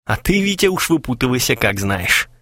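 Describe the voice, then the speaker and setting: A man's voice: medium pitch, sing-song, normal speed, pushed and bright. A man voicing a cool, mocking young prankster who talks in a dry, matter-of-fact way.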